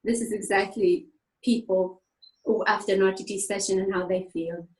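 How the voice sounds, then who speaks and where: A woman from Tunisia whose first languages are French and Arabic, a therapist explaining her work in lively conversation, laughing often and using many fillers. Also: mid-range voice, normal speed. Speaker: therapist guest. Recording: echoey room.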